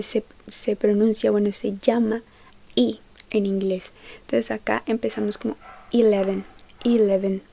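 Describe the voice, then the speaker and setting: A woman giving a slow, gentle, soft-spoken ASMR lesson, explaining patiently and checking in often. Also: mid-range voice, creaky. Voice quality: soft, partly whispered. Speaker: English teacher.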